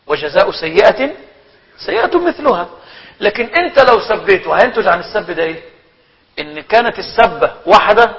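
A middle-aged man with an Egyptian Arabic accent, an imam giving a religious lesson, animated and humorous, posing rhetorical questions and answering them himself. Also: sits high. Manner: humorous, laughs while telling anecdotes. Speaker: imam teaching a religious book. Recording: muffled recording in a reverberant hall.

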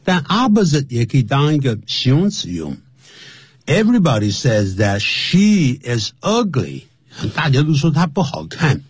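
A man's voice: medium pitch, wildly swooping pitch, a little slow, slightly rough, no echo. A man co-hosting a radio English lesson, explaining words and usage patiently. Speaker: English teacher, radio co-host. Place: radio studio.

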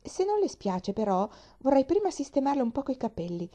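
A woman's voice: high-pitched, sing-song, a little fast, warm tone, pitched above the performer's own voice. A woman voicing a cheerful, chatty little girl in a storybook reading, eager and bubbly.

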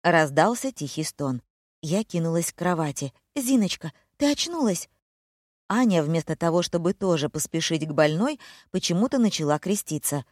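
A woman reading a first-person audiobook narration in an even, steady manner. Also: low-pitched, normal speed, no room sound, studio quality.

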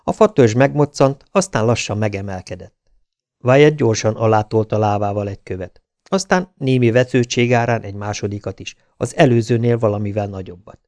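A man reading an audiobook aloud with an even, dramatic storytelling manner. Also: lowish voice, no room sound. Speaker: audiobook narrator. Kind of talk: scripted audiobook narration.

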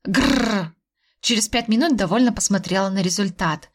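A woman reads a first-person fantasy story aloud. Her delivery is expressive, and she shifts her tone to voice the people in the scene. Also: mid-range voice, fairly quick, background noise. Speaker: audiobook narrator. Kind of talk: first-person audiobook narration.

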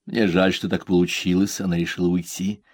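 A man voicing a gentle older man who speaks in a subdued, regretful way. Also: sits low, flat delivery, a little fast.

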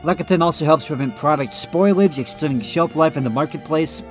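Reading aloud from a text, a man co-hosting a casual podcast keeps cutting in with his own blunt comments, his voice slightly nasal. It runs on the high side at a fairly quick pace, with music in the background.

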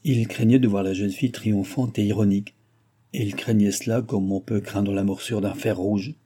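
Husky, dark-voiced male narrator. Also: fairly low pitch, steady tone, normal speed. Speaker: audiobook narrator. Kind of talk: reading a classic novel aloud.

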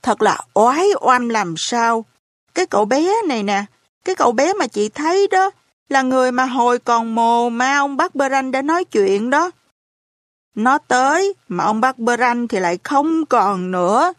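A woman voicing a hard-of-hearing elderly landlady who speaks in a slow, lamenting, folksy way. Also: on the high side, lively intonation, no echo, studio quality, natural voice. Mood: lamenting, gossipy.

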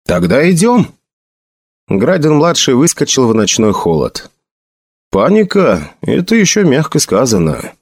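A man reading a novel aloud as narrator, with expressive storytelling. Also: mid-range voice, normal speed, dry recording. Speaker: audiobook narrator. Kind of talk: scripted narration.

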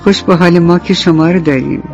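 Gentle man telling a bedtime story. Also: sits high, gravelly, lo-fi sound, soft background music. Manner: gentle, addresses the children directly with questions. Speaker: radio storyteller. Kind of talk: bedtime story narration for children. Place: radio studio.

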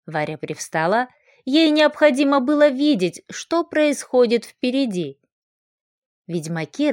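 Expressive female audiobook narrator, slightly high, dry studio sound. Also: no echo. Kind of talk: scripted fantasy narration.

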